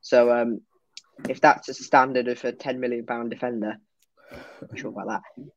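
A man's voice: medium pitch, little pitch movement, moderate pace, lo-fi sound. A man co-hosting a football podcast, reviewing a match in casual chat, hesitant and full of fillers and restarts.

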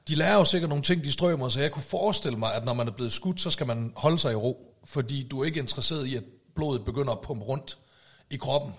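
Man telling a lively story. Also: medium pitch, slightly rough. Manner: animated, acts out shouted quotes. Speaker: podcast host telling a story. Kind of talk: casual storytelling chat.

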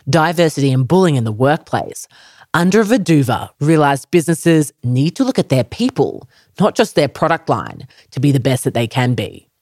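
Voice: medium pitch, darkish tone, no echo, clean studio sound. A podcast host reading an intro and chatting with a guest in an upbeat, enthusiastic way. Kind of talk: scripted intro and casual interview.

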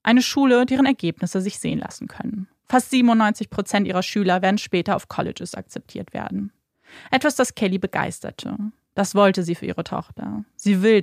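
A woman narrating a true-crime podcast in a measured, dramatic storytelling manner. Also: mid-range voice, creaky, no room sound, studio quality.

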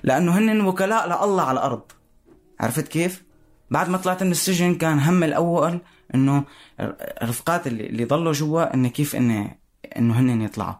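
A man with a Syrian Arabic accent giving personal spoken testimony in a halting way, searching for words. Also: fairly high pitch.

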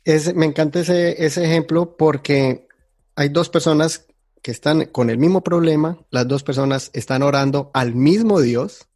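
A man's voice: fairly high pitch, measured pace, darkish tone, dry recording. Reflective man in a dry studio. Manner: reflective, explains by contrasting examples. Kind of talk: faith talk show conversation.

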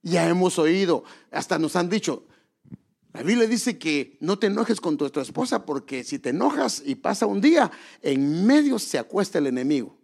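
Creaky-voiced man preaching a sermon. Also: high voice, very animated, normal speed, a little mellow. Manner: asks the congregation rhetorical questions; earnest, exhorting.

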